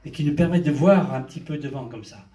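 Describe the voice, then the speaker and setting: An older male pastor preaches in a fairly high voice, leaning hard on his points and calling out amen and hallelujah as he goes. He sounds a little away from the mic, and the church around him rings with echo. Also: fast, mellow. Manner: emphatic preaching, with repeated amens and hallelujahs. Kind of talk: sermon. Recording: echoey church hall, mic at a distance.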